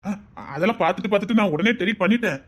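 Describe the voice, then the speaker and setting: A scheming young boyfriend from a Tamil web drama, voiced by an actor in a Tirunelveli accent, talks on the phone at a very fast clip and a high pitch. Barely above a murmur, he sweet-talks and wheedles like the smooth, manipulative, greedy blackmailer he is. He keeps pressing, circling back again and again with "understand?"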